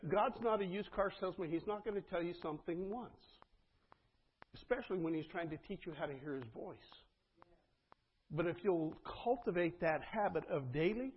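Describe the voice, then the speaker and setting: A man's voice: high voice, normal speed, slightly rough, lo-fi sound. A man preaching a sermon as pastor, earnest and conversational, often turning to the congregation with asides.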